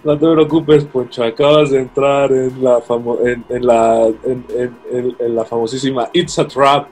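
A man's voice: mid-range voice, level tone, measured pace, darkish tone, soft background music, rough recording. A young man with a Mexican accent in casual chat, thoughtful and hesitant, searching for words as he reviews a series. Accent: Mexican Spanish.

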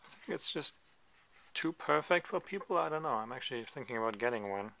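A man casually presenting a photo book he is paging through at a table, talking in a relaxed, hesitant way with many ums and side remarks. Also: medium pitch, brisk, vocal fry. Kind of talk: casual show-and-tell commentary. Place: indoors at a table, filming a book from above.

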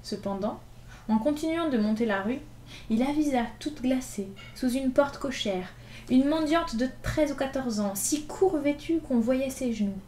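A woman reading a classic novel aloud in an expressive, lively storytelling manner. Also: high-pitched, measured pace, slight background noise. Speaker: reader. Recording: echoey room with faint ambience.

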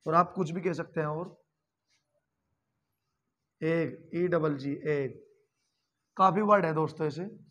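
A man's voice: a little high, slow pace, long pauses, a bit bright, highs cut off. A man teaching grammar, spelling words out letter by letter and calling his viewers friends. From India. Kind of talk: classroom-style lesson.

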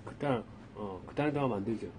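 A man's voice: lowish voice, a little fast, background noise. A young man live streaming, talking casually to his chat, exasperated and scolding, with some swearing.

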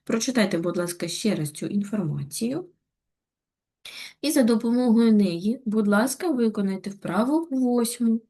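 A woman teacher giving a patient, step-by-step online lesson to young schoolchildren, with gentle reminders. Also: on the high side, animated, moderate pace. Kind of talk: online Ukrainian lesson for children.

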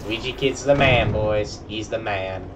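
Speaking a little slowly in a fairly low voice, a young man provides casual, chatty commentary on his game for viewers, bragging as he goes. The mic is distant and loud game music plays behind him.

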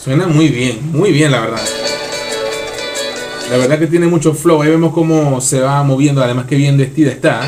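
Speaking at normal speed with a fairly high pitch, this man gives casual, excited commentary on a music video, often repeating brief phrases, while the track blares under him.

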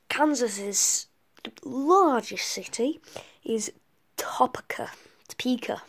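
Higher-pitched, unhurried woman doing a homework presentation, chatty, full of whispered self-corrections. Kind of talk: homemade geography presentation.

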